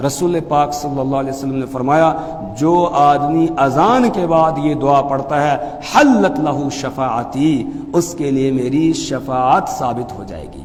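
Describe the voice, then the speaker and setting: A man teaching as a mufti, explaining pronunciation calmly and then chanting phrases slowly and loudly. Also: a little high, long reverb tail, a little hiss or hum. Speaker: mufti teaching the call to prayer. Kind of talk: religious lesson with chanted demonstrations.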